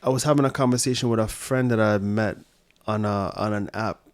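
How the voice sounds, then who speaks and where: A man's voice: on the low side, steady tone, fairly quick. A man, a sommelier guest telling stories in casual, profane chat, often restarting his sentences. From Brooklyn, New York and Jamaica. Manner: loose, profane storytelling with restarts.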